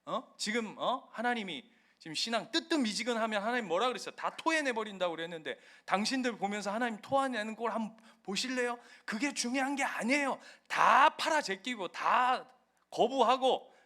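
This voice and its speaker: A pastor mimicking a fanatic doomsday preacher. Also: male voice, high voice, expressive, brisk, voice pushed up. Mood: fanatical. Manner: loud fevered exhortation. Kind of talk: sermon.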